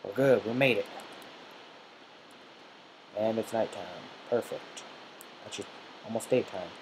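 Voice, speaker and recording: A man's voice: lowish voice, a little slow. Nervous teen boy narrating his gameplay. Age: teens. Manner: nervous, jittery self-talk while playing. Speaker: gamer. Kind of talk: let's play commentary. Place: room in a family home. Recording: steady background hiss.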